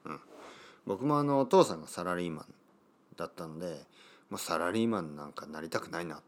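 His voice sits low but carries lively intonation as this middle-aged Kyushu man, a Japanese language teacher, explains a reading to learners. He takes the text slowly, rephrasing every part more simply, and breaks off to wonder aloud how to read hard place names.

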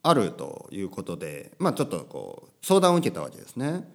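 A man's voice: low voice, wildly swooping pitch, a little fast. A man hosting a podcast for language learners, talking casually from home in a chatty, rambling way with plenty of fillers and tag words. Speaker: podcast host. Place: home with a washing machine running.

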